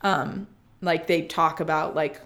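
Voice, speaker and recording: Young woman co-host, casual podcast chat, lower pitch, lots of "like"s. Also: steady tone, slow, a bit bright. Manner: chatty, many "like" fillers and restarts.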